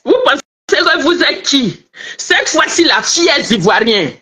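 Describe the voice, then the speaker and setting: High, pushed and bright, her very animated voice moves at an unhurried pace. This middle-aged Ivorian commentator, with her Ivorian French accent and a cold-blocked nose, scolds and taunts her audience in a fiery political rant.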